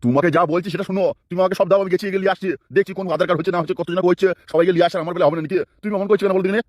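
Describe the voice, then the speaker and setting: Give me a stubborn, suspicious cartoon husband played by a man, quick and highish. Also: steady tone, darkish tone, no echo, natural voice. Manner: nagging, suspicious. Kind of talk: comic cartoon dubbing.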